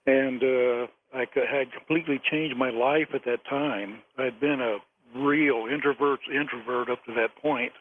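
A man in his seventies calling in to a radio show over the phone, speaking haltingly and chuckling often between phrases. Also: mid-range voice, fairly even intonation. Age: 70s. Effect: caller heard over a phone line. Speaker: caller to a late-night radio show. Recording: tinny phone line with faint noise.

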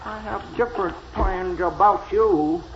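An actor playing a sly, falsely polite, wheedling fox in an old children's radio drama. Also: male voice, sits high, unhurried. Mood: scheming, coaxing. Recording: noisy lo-fi old radio transcription.

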